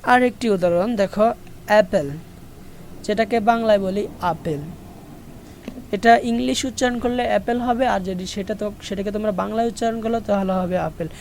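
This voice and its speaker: A woman's voice: mid-range voice, darkish tone, a little hiss or hum. A woman with a Bangladeshi accent teaching an online English lesson, explaining step by step and repeating each example.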